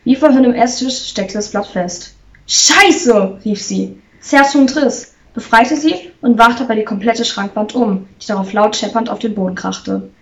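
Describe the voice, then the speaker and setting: Lady reading a short story out loud, steady, a couple of slips, muffled lo-fi sound. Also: a little high, moderate pace, hardly any pauses. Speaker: reader. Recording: slightly distant, muffled recording.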